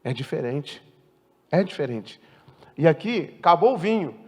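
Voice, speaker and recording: A man preaching a sermon to his congregation, putting questions to them and driving his points home. His voice sits fairly high and swings from loud, emphatic peaks to low, quiet endings. It rings with the long reverb of a church hall. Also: big pitch swings, a little slow, breathy edge. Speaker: pastor.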